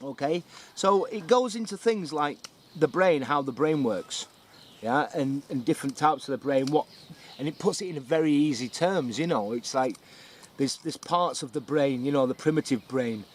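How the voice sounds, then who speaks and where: A man's voice: on the high side, lively intonation, normal speed. A man talking casually to camera outdoors, explaining things in a conversational way and often checking in with the listener. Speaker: survival instructor and vlogger. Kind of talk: casual book review to camera. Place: outdoors beside a stream.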